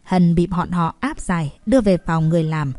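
A woman narrating a story in an even, steady manner. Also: on the low side, brisk, dry recording. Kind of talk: audiobook narration.

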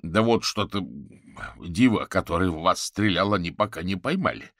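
A man voicing an eager, brisk police officer who speaks quickly and with energy. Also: sits low, a bit bright, dry recording, studio quality.

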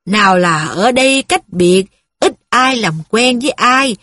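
A man's voice: extremely high pitch, expressive, unhurried, bright, forceful tone, no echo, clean studio sound, exaggerated voice. A woman voicing a kindly, plain-spoken middle-aged male worker who talks in an earnest, folksy way. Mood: reminiscing.

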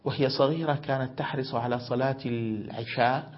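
A man's voice: mid-range voice, fairly even intonation, fairly quick. A middle-aged man, a sheikh teaching a grammar lesson, who explains by asking questions and answering them, heard on a muffled recording. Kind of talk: religious grammar lesson with storytelling.

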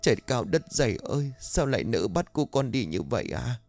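A man's voice: medium pitch, sing-song, a little fast, vocal fry, darkish tone, soft background music, pitched above the performer's own voice. A man voicing the youngest servant girl, tearfully begging her mistress to wake. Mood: imploring. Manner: tearful, imploring.

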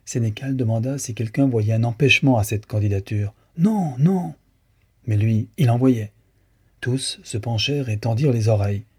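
A man reading a novel aloud as an audiobook narrator, measured and steady. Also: on the low side, breathy edge.

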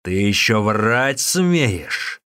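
A man voicing a hot-tempered, hulking male monk warrior who bellows his words slowly and furiously, in a storybook reading. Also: fairly low pitch, sing-song, dry recording, clean studio sound, heavily acted. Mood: furious bellowing. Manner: shouting furiously, drawn-out words.

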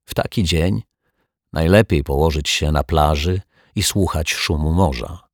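A man narrating a children's audiobook in a slow, measured storytelling manner. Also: rumbling low, dry recording, studio quality.

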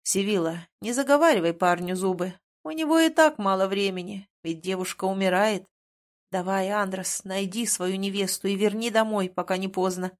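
Woman reading a firm, no-nonsense old ghost king in an audiobook, brisk and urging. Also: medium pitch, natural voice. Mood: urgent.

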